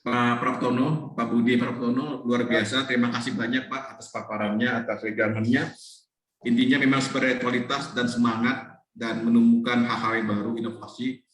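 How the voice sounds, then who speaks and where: A man moderating a webinar, thanking the speaker and wrapping up with plain, steady remarks over a video call. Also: medium pitch, normal speed. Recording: echoey room.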